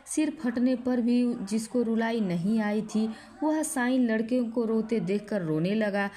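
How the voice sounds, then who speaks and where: Calm woman reading a story aloud. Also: on the high side, a little slow. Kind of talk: read-aloud story narration.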